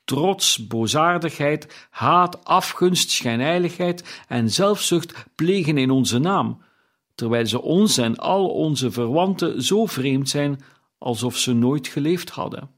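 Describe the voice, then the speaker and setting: Giant kind Christmas spirit, done by a man, emphatic, word-stressing, slow, audiobook. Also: a little high, expressive, voice pushed up. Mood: solemn, emphatic. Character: giant jovial male Christmas spirit, kindly but stern. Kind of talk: audiobook character reading.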